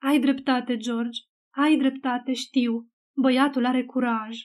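A woman reading the lines of a grieving old admiral and father in an audiobook, murmuring low. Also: little pitch movement, natural voice. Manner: murmuring, groaning.

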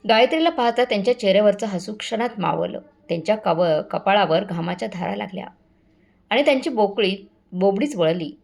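A woman reads a dramatic story aloud from a script, addressing listeners as friends and voicing every character in close to her natural voice. Her medium-pitched delivery is lively in intonation, a little fast, creaky and slightly mellow.

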